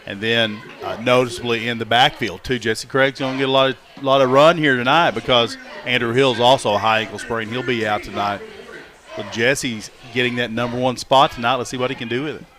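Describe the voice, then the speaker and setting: A man with an American accent giving color commentary on a high school football game for local radio, chatty and analytical. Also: fairly quick, a crowd in the background. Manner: chatty, analytical, drops to asides. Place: high school football stadium broadcast booth.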